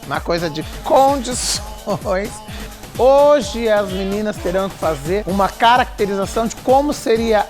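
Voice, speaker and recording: A man hosting a competition as a drag queen, in a theatrical, sassy, campy manner. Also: sits high. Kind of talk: competition show presenting. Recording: music behind the voice.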